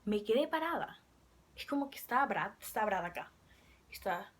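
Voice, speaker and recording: A young woman casually telling a fan story to camera, chatty and excitable, sometimes dropping to a whisper. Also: mid-range voice, moderate pace, breathy edge. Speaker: fan vlogger.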